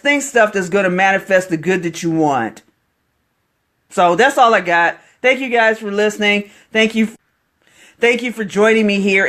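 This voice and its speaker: Casting: a high-voiced man, a motivational marketing coach on a live stream, fervent and preachy. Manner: excitable, preachy, greets viewers mid-talk.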